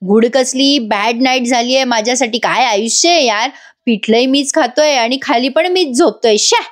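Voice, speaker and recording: A woman's voice: a little high, normal speed, natural voice. A woman voicing a grumbling young husband in a retold soap scene, complaining and repeating words in mock outrage. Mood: indignant.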